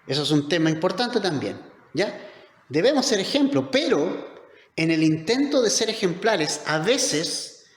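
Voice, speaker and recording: Male pastor, somewhat high voice, emphatic conversational sermon, reverberant church hall. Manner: emphatic, conversational preaching with rhetorical questions.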